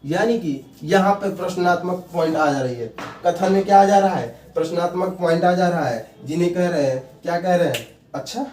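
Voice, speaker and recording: A man's voice: high voice, moderate pace, darkish tone. A male teacher giving a grammar lesson, repeating key terms and quizzing his students with questions. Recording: echoey room, voice a bit far from mic.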